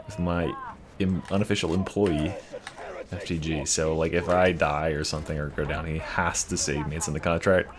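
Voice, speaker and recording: A man's voice: extremely low pitch, steady tone, moderate pace, a crowd in the background. A young man giving casual gameplay commentary, explaining a build in a loose, swearing way with lots of fillers. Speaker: game build guide creator.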